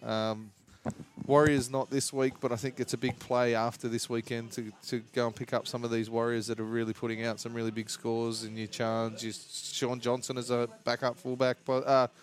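A man's voice: mid-range voice, little pitch movement, normal speed. An Australian man co-hosting a sports podcast, casually talking through analysis. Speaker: fantasy rugby league podcast co-host.

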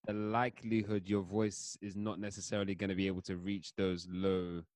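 A man chatting casually as a podcast guest, opinionated and relaxed, with plenty of fillers. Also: low voice, normal speed, dry recording. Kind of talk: casual chat.

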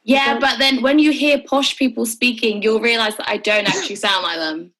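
A young woman from East London in casual family chat, teasing and quick to contradict. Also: a little high, steady tone, fairly bright tone.

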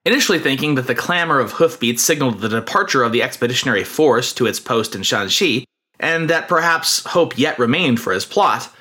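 A man's voice: medium pitch, bright, forceful tone. A man narrating a scripted history podcast, with wry, humorous asides.

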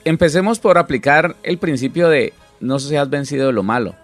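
A man's voice: on the high side, normal speed, soft background music. A middle-aged man, a pastor, earnestly explaining Bible teaching in conversation with many restarts.

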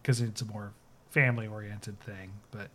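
A man's voice: on the low side, steady tone, moderate pace, a bit bright. A man co-hosting a casual podcast, rambling with lots of fillers and restarts. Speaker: podcast co-host. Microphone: video call setup, sharing his screen.

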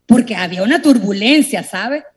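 A woman's voice: fairly high pitch, expressive, moderate pace, close to an everyday voice. A woman voicing a frightened middle-aged man on an airplane, speaking in a worried, questioning way. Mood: anxious, curious.

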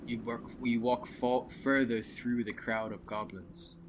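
Slow laid-back game master. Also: male voice, medium pitch, flat delivery, background noise. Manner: laid-back, laughing at his own slips. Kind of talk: narrating a tabletop game. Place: online game session from home.

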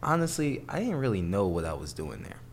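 A man's voice: deep voice, very animated, brisk, a little hiss or hum. A young man talking casually as a podcast guest, rambling with fillers and easy laughs. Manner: laid-back, rambling with many fillers and laughs. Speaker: guest, online video creator.

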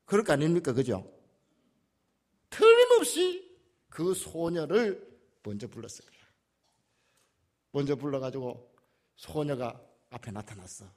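A man's voice: a little high, big pitch swings, a little slow, pauses often, darkish tone. A male pastor with a Gyeongsang accent preaching a conversational sermon and putting questions to the congregation. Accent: Gyeongsang dialect. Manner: conversational, asks the audience questions.

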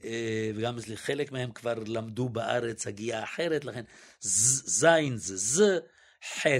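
Male expert guest, average pitch, methodical and a little hesitant, demonstrates pronunciations aloud. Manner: hesitant, self-correcting. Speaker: guest linguist. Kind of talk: explanatory interview talk.

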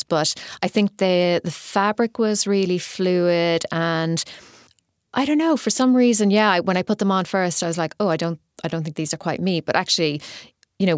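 Low-voiced woman hosting a podcast. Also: clear, resonant tone, dry recording, clean studio sound. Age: 40s. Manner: enthusiastic, effusive reactions. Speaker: podcast host. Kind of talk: casual chat.

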